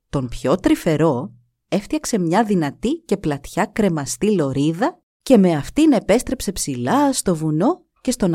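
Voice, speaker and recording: Woman storyteller, somewhat low, expressive; dry close mic. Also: dry recording. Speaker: narrator.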